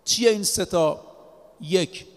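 High-voiced man preaching in a reverberant hall. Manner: emphatic, quotes Arabic scripture. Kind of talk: religious sermon. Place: in or near Qom. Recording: long reverb of a large hall.

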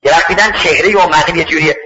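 A man preaching a sermon through stories, in an animated way, acting out the voices of the people in them. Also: a little high, slight background noise. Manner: animated, acts out voices in the story. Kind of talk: storytelling sermon. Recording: echoey, dull lo-fi recording.

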